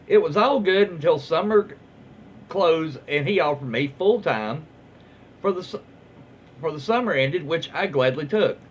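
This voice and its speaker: Reading stories aloud as a host, this man has a Southern US accent and a casual, folksy, informal delivery. His voice sits on the high side, animated but unhurried. The recording sounds muffled and lo-fi, with faint background noise.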